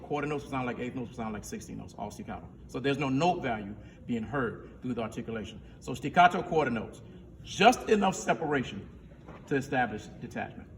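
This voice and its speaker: A male band director teaches a rehearsal, counting off his players and singing syllables to demonstrate each note. He sounds distant from the microphone, and his voice rings with a long echo in a school band room. Faint noise sits under the recording. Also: mid-range voice.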